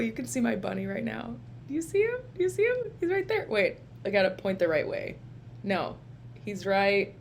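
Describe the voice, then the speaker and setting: In a casual video book review, a therapist and licensed social worker from Minnesota, USA, speaks with a Minnesota accent in a medium-pitched voice. She keeps things chatty and informal, recording in the home room used for her telehealth sessions, where a little hiss or hum is audible.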